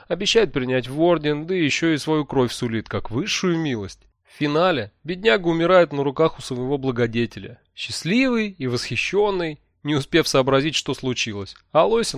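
A man's voice: a little high, no room sound, voice pushed up. A man doing a cheerful, self-satisfied sorcerer from an audiobook, chatty and breezy, with a voice lifted a little above his usual tone. He speaks with a bit more push and liveliness, and the recording is dry and close. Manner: breezy, jovial, talkative. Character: cheerful smug male sorcerer mentor. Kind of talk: audiobook character voice.

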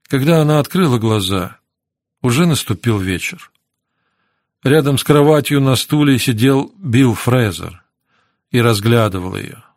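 A man reads a novel aloud for an audiobook in a steady, measured way. His voice sits at a middle pitch, and it is recorded close to the mic with a dry, dead sound. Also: no echo. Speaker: audiobook narrator. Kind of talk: scripted narration.

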